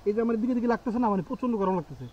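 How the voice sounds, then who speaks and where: A man's voice: high-pitched, expressive, very fast, dull audio, a little hiss or hum. A young man chatting casually to viewers in a family vlog outdoors at a rural home, coaxing his small son along the way. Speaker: family vlogger.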